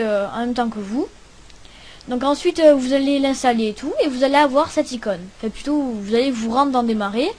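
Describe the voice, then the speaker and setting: A young woman with a high voice walks through a casual computer tutorial. She talks hesitantly, trailing off and restarting often. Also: darkish tone, a little hiss or hum. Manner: hesitant, many fillers and restarts. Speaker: tutorial host. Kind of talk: casual screen-recording tutorial.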